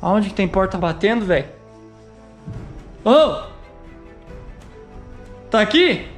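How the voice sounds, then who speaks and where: A Brazilian man with a fairly high voice narrates a scary vlog outdoors at night, nervous and calling out to his viewers. His talk is worried and keeps reaching for his friend. Faint music plays behind him. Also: big pitch swings, slow. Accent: Brazilian Portuguese. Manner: anxious, calling out and talking to viewers. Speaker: YouTuber. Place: outdoors at a country house at night.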